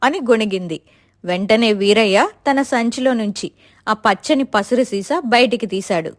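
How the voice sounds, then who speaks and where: A woman telling a family story in steady, expressive scripted narration. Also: on the high side, normal speed.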